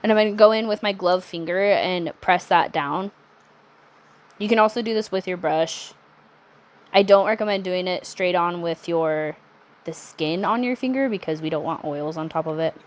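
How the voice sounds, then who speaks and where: A young adult woman talking through a nail art tutorial in a chatty, relaxed way, with self-correcting asides. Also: fairly low pitch, moderate pace. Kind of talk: casual step-by-step tutorial narration.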